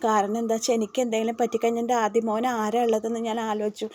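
A woman's voice: a little high, completely flat delivery, darkish tone, lightly acted. Woman doing a weary old grandmother. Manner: slow, weary. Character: worried older grandmother, weak in hospital.

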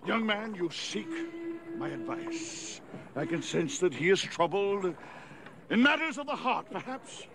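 High-voiced, pompous fortune teller showman. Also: very animated, unhurried, background noise, heavily acted. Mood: grandiose. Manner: grandiose fortune teller patter, theatrical. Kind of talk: period film acting. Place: outdoor riverboat landing. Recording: busy outdoor riverside crowd behind.

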